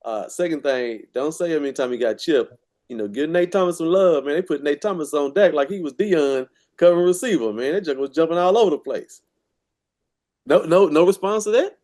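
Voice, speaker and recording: Teasing man with a higher-pitched voice. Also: lively intonation, brisk, darkish tone. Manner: teasing, provocative. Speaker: sports show panelist. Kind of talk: casual sports debate.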